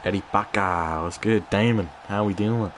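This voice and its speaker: Male streamer, very deep voice, hushed, laid-back banter and swearing. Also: moderate pace, slight background noise. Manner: keeps voice down, hushed. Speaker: gaming streamer. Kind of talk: casual live-stream commentary.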